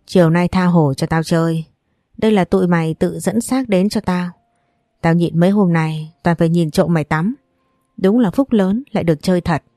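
A woman reading the lines of a crude, menacing drunken older man in a storybook, voicing his coarse, vulgar threats in a low, mellow voice. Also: moderate pace, no echo, clean studio sound, natural voice. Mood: leering.

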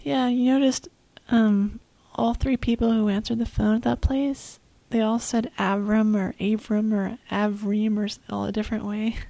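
A woman whispers her comments during a prank call, keeping her voice low. Her tone is mellow and gravelly, with little rise and fall. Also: little pitch movement, moderate pace, hardly any pauses, dry recording, rough recording. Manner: whispering quietly.

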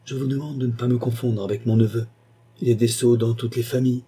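A man reading an audiobook, voicing a gruff, blunt older nobleman. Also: mid-range voice, steady tone, quick pace, warm tone, natural voice. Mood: approving.

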